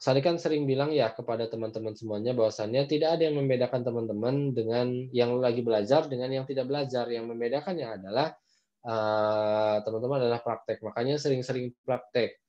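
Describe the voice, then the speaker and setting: A man with an Indonesian accent teaching Quran recitation in an online class, patiently explaining and slowly demonstrating letter sounds over a video call. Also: medium pitch, warm tone, muffled recording.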